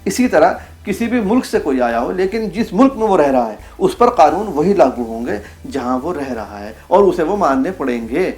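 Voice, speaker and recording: Guy teaching a video lesson, slightly high voice, drags out example words, faint music behind. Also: big pitch swings, darkish tone. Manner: careful, drawn-out pronunciation of example words; reads aloud from a book. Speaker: Urdu language teacher.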